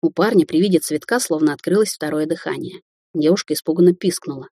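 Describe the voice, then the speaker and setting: A woman narrating an audiobook in a steady, even storytelling manner. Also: sits low, quick pace, dry recording.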